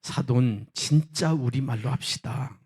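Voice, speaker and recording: A man's voice: mid-range voice, unhurried, a little mellow, slightly rough. A man voicing a courteous elderly grandmother who keeps insisting politely during a word game. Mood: politely insistent. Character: polite elderly Seoul grandmother, growing exasperated.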